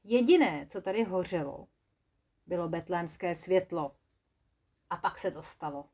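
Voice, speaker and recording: A woman narrating a children's story in a lively, playful way. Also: lowish voice.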